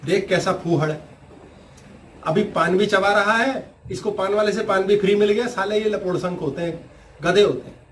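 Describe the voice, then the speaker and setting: A man's voice: sits high, moderate pace, fairly bright tone, far from the mic, slight background noise. A man voicing a scornful young woman who mocks and insults a passer-by. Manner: sneering, insulting.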